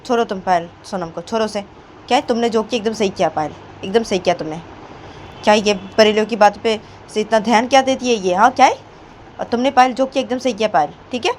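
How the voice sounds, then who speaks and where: A woman's voice: mid-range voice, fast talker, slight background noise, pitched above the performer's own voice, lightly acted. A woman playing a furious scolding older woman. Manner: loud, hectoring, repeats questions. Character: angry scolding older woman, quick-tempered.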